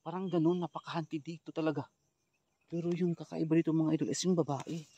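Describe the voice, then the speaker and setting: A man from the Philippines vlogging a ghost hunt outdoors in a rural wooded spot, switching between loud calls and low hushed murmurs. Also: fairly even intonation, fast, muffled recording, a little hiss or hum. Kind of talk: hushed exploring vlog commentary.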